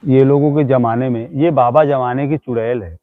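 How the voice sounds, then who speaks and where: A man's voice: medium pitch, fairly even intonation, normal speed. A man hosting a comic live stream, mockingly scolding and insulting imaginary ghosts with teasing jabs. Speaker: live-stream comedy host. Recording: tinny phone-like audio.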